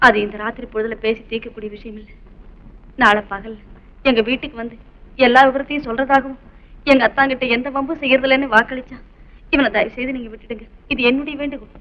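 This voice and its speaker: A woman's voice: a little high, steady tone, fast, lightly acted. An actress playing a forthright young woman of a wealthy house who questions and pleads, in a 1960s film melodrama with dull old sound. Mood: insistent.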